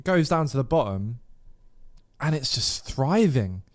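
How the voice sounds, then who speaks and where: An English man on a casual podcast, telling a lively anecdote with the odd swear word. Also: medium pitch, a little slow. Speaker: podcast co-host. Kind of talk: casual chat.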